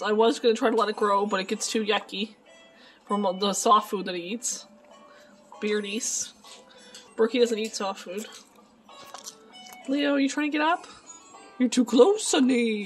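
Woman cooing baby talk at her pets. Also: a little high. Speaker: vlogger and pet owner. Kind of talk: casual home vlog talk to camera and pets. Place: home, indoors.

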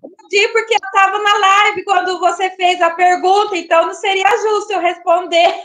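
A woman hosting a casual live stream, exclamatory and quick to laugh, greeting viewers by name. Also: extremely high pitch, steady tone, sharp tone.

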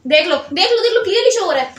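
Woman co-host, high-pitched and teasing, casual challenge vlog, echoey room. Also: animated, rapid-fire, a little hiss or hum. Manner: playfully accusing, laughing a lot.

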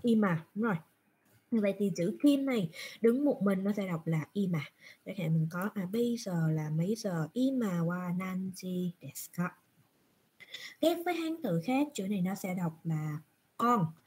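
A woman's voice: mid-range voice, expressive, normal speed, a little mellow, breathy edge. A woman teaching Japanese in an online class, patiently asking questions and answering them herself. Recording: screen recording from a browser.

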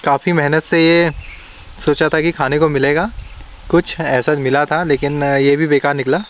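Brief: male camping vlogger, a touch high-pitched, chatty on-camera explainer, outdoors with faint bugs and birds behind. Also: little pitch movement, moderate pace, slight background noise. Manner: chatty, explains each step to viewers. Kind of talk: casual vlog narration to camera. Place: outdoors at a forest campsite in the hills.

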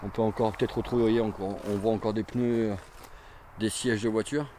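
Walking an abandoned, burned-out campsite outdoors, this forties-aged urban explorer vlogger gives casual commentary to an action camera held in hand or worn on his chest. He talks at a slightly quick clip in a fairly low, mellow voice with a steady tone, chatting and rambling with lots of fillers and repeated words.

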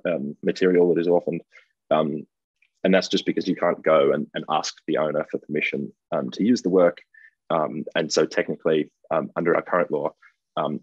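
A man's voice: extremely low pitch, slightly rough, dry recording. A middle-aged Australian man giving a conference keynote over a video call from an office, hesitant with many ums and restarts. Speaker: keynote speaker. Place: indoor office. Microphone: webcam video call. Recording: dull lo-fi call audio.

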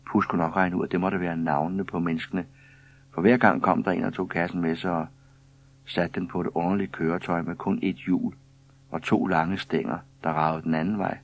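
A man narrates a children's story in a calm, even way. His voice sits very low and a little husky. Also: muffled recording. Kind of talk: scripted children's story reading.

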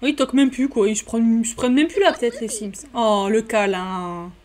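High-pitched gamer girl chatting to her sims at home, gets excitable. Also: a little fast. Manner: chatty, talks to her game characters, excitable. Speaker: gaming YouTuber. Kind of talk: casual let's-play commentary. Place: home room. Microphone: desk microphone.

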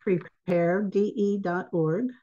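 A woman's voice: medium pitch, steady tone, slow pace, warm tone. A woman giving an informal online presentation, chatty and laughing at her own slip-ups, heard over a video call. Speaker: webinar presenter. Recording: dull lo-fi webinar audio.

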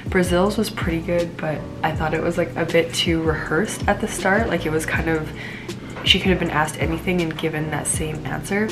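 A young adult woman with a stuffed-up cold reviews a pageant straight to camera in a casual vlog from a small room at home, bubbly and rambling, with frequent "like" and side tangents. Her voice is deep with fairly even intonation at normal speed, and music plays in the background.

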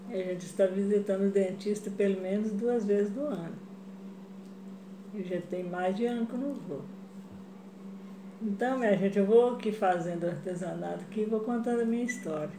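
A middle-aged woman from Brazil chats to her viewers while she works on a craft at her kitchen table, in an unhurried, easygoing way. Her voice is soft and warm in tone, and it bounces off the hard tiled walls of the kitchen, so the sound comes across roomy and echoey. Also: mid-range voice, a little hiss or hum. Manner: chatty, addresses viewers as "gente", frequent "né?" and "tá?". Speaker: craft vlogger. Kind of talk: casual craft tutorial chat.

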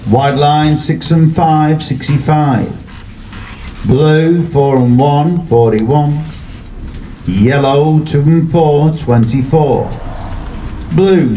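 A man's voice: mid-range voice, warm tone. A man working as a bingo caller, reciting numbers in formulaic, sing-song patter with rhyming nicknames. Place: seaside amusement arcade bingo hall. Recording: dull echoey arcade PA, background noise.

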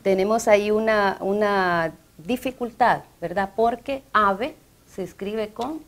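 Measured Honduran professor explaining grammar. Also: female voice, medium pitch. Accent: Honduran Spanish. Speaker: language professor and show host. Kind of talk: educational TV talk.

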